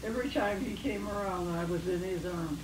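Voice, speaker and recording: An elderly woman rambles and loses her thread in a casual family chat. She is caught on an old VHS home video by a camcorder across the room. The sound is roomy, with loud hiss and kitchen sizzle behind her. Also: mid-range voice, far from the mic. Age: 80s or older. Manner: halting and wandering, losing her thread. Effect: old home VHS tape sound. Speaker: great-grandmother being interviewed. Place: home kitchen with cooking going on. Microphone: camcorder mic across the room.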